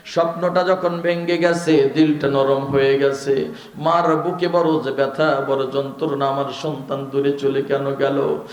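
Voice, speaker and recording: A man's voice: medium pitch, little pitch movement, measured pace, roomy sound. A man preaching an emotional sermon, rising and repeating phrases and chanting verses in a melodic sing-song.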